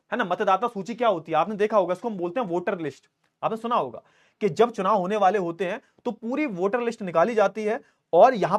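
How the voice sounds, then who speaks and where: A man in his twenties teaching an online class in a chatty, teasing way, reading student comments aloud and joking with them. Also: high voice. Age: 20s. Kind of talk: live online class lecture.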